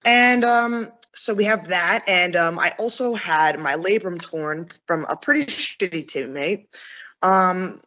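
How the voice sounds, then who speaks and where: A woman's voice: fairly low pitch, slow, bright, forceful tone, rough recording. A young woman speaking as a guest in a casual interview, chatty and candid, laughing often and filling with "like.". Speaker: interview guest, MMA fighter.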